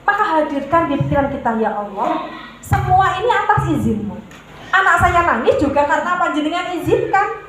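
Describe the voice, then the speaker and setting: A woman giving a religious parenting talk to mothers. She calls her listeners "Bunda" and answers her own questions. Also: sits high. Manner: mixes in Javanese words. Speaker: parenting speaker. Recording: very echoey hall with noise.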